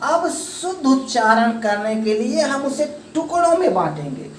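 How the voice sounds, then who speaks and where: A woman teaching an English grammar lesson, explaining slowly step by step and calling the viewers friends. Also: high voice, very animated, a little hiss or hum. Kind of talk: classroom-style grammar lesson. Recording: echoey room, voice from a distance, faint ambience.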